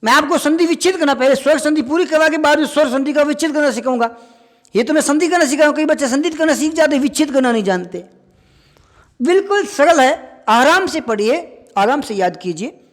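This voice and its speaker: A male teacher giving a classroom grammar lesson, repeating key points and firing quick questions at his students. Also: very high-pitched, lively intonation, in a large hall.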